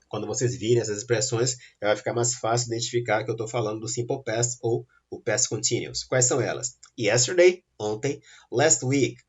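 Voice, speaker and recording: In this recorded grammar lesson, a man who teaches English, with a Brazilian Portuguese accent, lays out the rules one step at a time and often checks on his students. His voice is mid-range and slightly rough.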